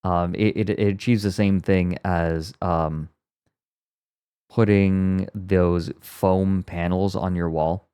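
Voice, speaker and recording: Low, dark man talking muffled under a blanket. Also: fairly even intonation, takes it slowly, clear, resonant tone, no room sound. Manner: rambling and explanatory, wry asides. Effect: muffled under a blanket for sound deadening. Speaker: streamer reacting to a video. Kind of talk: casual stream chat. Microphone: close mic inside a blanket fort.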